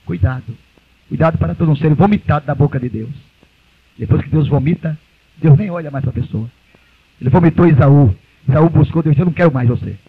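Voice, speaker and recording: A man from Brazil preaching a fiery Pentecostal sermon, repeating phrases and swinging from hushed, low passages to shouted cries. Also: husky, no room sound. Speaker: pastor. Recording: muffled old cassette tape.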